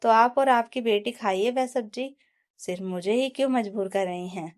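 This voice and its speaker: A woman voicing a young newlywed daughter-in-law who is put-upon but firm, spoken a little higher than her own voice. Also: moderate pace, close to an everyday voice. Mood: angry. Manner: pleading, then standing her ground.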